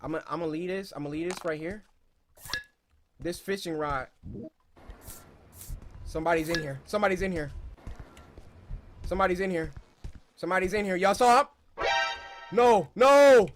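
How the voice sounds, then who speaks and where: A young man giving let's play commentary as a gaming YouTuber, excitable, yelping and shouting at scares, then muttering to himself. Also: high voice, moderate pace, long pauses, soft background music.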